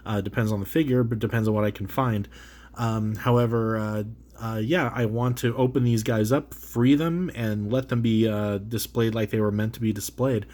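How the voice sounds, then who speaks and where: Fairly low and a little mellow, the man's voice stays steady at a normal speed even though a cold leaves him congested. He's a channel host reviewing toys, casually unboxing an action figure in a rambling way with plenty of fillers, restarts and self-corrections.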